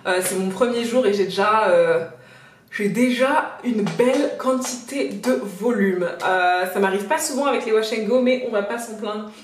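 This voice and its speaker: Young woman, slightly sick, chatty with many pauses, echoey room. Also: mid-range voice, a little hiss or hum. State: a little sick. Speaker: hair care vlogger. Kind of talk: casual tutorial chat. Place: home, washing machine spinning nearby.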